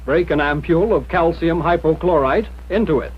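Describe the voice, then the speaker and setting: There is a breathy edge to this fairly high-pitched American voice narrating a scripted military instructional film from the 1940s. The training film narrator keeps a moderate pace and a plain, direct, instructive manner, and the soundtrack sounds muffled and dull.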